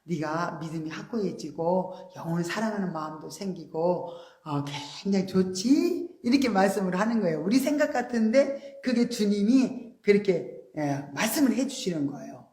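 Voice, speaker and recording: A woman pastor preaching a sermon in an animated, emphatic way, often acting out quoted voices. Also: mid-range voice, normal speed, few pauses, echoey room. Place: church.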